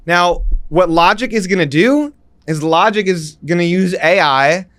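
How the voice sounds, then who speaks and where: A man with a high voice vlogs about music production in a casual, explaining tone. He gets worked up into an animated rant and repeats himself. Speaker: music YouTuber.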